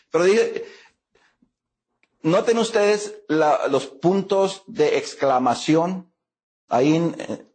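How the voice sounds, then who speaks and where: A man teaching a Bible lesson to a class. He speaks haltingly, with many fillers, and keeps asking the class questions. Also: on the high side. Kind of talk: classroom lecture.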